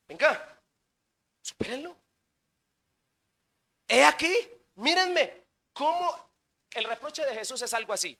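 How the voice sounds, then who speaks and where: A man preaching a sermon in church, firing rhetorical questions and swinging between loud bursts and quiet stretches. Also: very high-pitched. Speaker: pastor.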